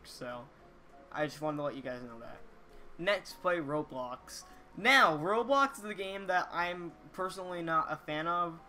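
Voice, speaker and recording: Bright-voiced teenage boy chatting to camera. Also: a little high. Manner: halting, earnest, repeats words. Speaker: YouTuber reading viewer comments. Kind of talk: casual chat to camera. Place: small indoor room, gaming chair.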